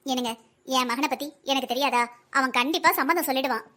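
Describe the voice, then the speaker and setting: A woman's voice: high-pitched, fairly even intonation, quick pace, sharp tone. A woman voicing a fussy older wife and grandmother in a family cartoon, pleading and ordering her husband around in a South Tamil Nadu accent. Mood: bossy. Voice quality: pleading, busy, bossy. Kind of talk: cartoon family comedy acting.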